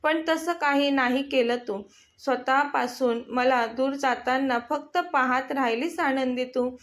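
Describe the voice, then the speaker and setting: A woman's voice: high voice, measured pace, a bit bright. A woman reading as a tender young boss. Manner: earnest, pleading. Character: young male company boss, tender lover.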